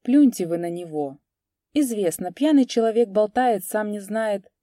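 A blunt village man with a brusque way of calming others and barking orders, as a woman puts him on. His lines come out louder than the narration around them, in a dry, mellow storybook read. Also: medium pitch, normal speed, dry recording, pitched above the performer's own voice, close to an everyday voice. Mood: placating. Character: blunt peasant man who soothes and then commands.

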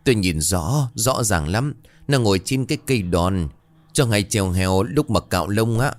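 A man voicing a frightened older rural wife in a ghost story, her telling hoarse and shaky. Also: on the low side, expressive, moderate pace, no echo, close to an everyday voice.

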